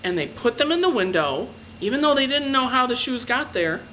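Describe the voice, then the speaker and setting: A slightly high-pitched, very animated woman narrates a fairy tale in her own words. She gushes and lengthens the descriptive adjectives, and the recording is dull and lo-fi with faint noise.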